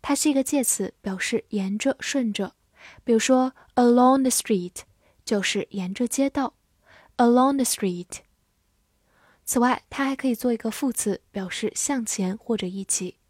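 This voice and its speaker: A woman teaching English vocabulary in a scripted lesson, spelling words out slowly and repeating them with care. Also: fairly high pitch, a little mellow, slightly rough, no room sound, studio quality. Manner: slow, deliberate spelling and repetition of words.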